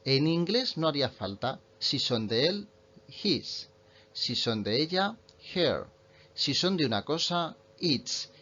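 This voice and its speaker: A man, a native Spanish speaker, explaining English grammar in an online lesson and slowing right down to read example sentences. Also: medium pitch, sharp tone, lo-fi sound. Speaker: English teacher.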